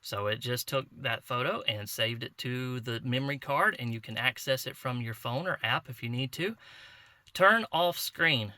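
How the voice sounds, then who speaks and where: A man's voice: mid-range voice, normal speed, hardly any pauses, pushed and bright, dry recording. A man reviewing a product, talking through its setup in a folksy, conversational way. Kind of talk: casual product review demo.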